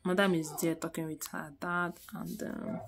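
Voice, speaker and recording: A woman's voice: normal speed, creaky, a crowd in the background. Chatty Nigerian woman vlogging at home. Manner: chatty, sighing, switches between low tired murmurs and loud excited outbursts. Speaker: vlogger, stay-at-home mom. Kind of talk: casual talking-to-camera vlog. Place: home kitchen and rooms, indoors. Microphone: phone camera held close.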